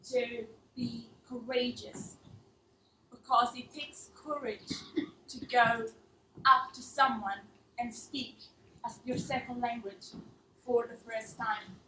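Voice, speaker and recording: On a theatre stage, a language teacher from Italy in her thirties gives a heartfelt storytelling talk in accented English, making minor non-native errors. Her fairly high voice sounds pushed and bright. The recording carries a little hiss or hum, with hall echo from a far-off microphone.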